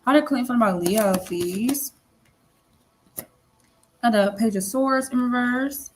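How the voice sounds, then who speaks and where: A woman's voice: on the high side, measured pace, a little hiss or hum. A woman giving a casual tarot reading, rambling and repeating herself, with lots of fillers and the odd casual swear. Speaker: tarot reader.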